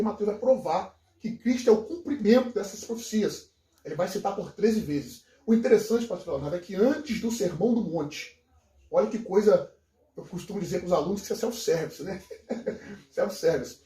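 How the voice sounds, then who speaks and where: A man's voice: high voice, warm tone. A man who teaches Greek, explaining scripture in a casual conversation with enthusiasm and emphasis. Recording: echoey room, distant from mic.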